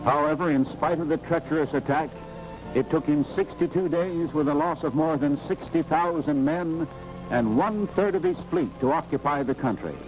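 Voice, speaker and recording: A man narrates an old wartime-era newsreel in a formal, declamatory manner. His voice sits a little high, and the recording is dull and lo-fi. A music score plays clearly underneath. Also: normal speed. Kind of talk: scripted documentary narration.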